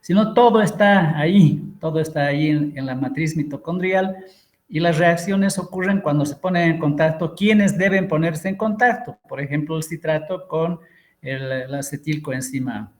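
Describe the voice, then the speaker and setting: A middle-aged man, giving an online lecture and explaining with pauses and fillers. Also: a little high, darkish tone. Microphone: computer mic on a video call.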